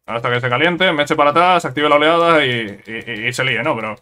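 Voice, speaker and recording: A man commentates his own gameplay in a casual let's-play style, his voice bright and pitched in the middle range. He talks in excitable bursts, repeating words and tacking on quick tag questions. Keyboard clicks can be heard behind him.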